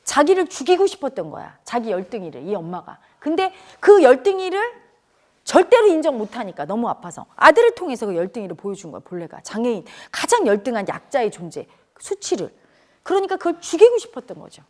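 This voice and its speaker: Middle-aged woman telling a sad story, kinda high voice that swings all over, earnest and teary. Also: huge pitch swings, a little fast. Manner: tearful and earnest, rising to cries when reliving events. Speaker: speaker at a spiritual community talk. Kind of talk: emotional personal storytelling.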